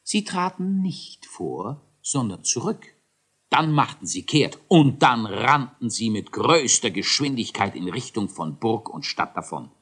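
A man narrating a children's audiobook in a lively storytelling way. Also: medium pitch, unhurried, breathy edge.

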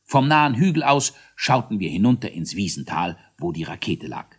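Lively husky male storybook narrator. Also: lowish voice, normal speed. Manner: animated character voices.

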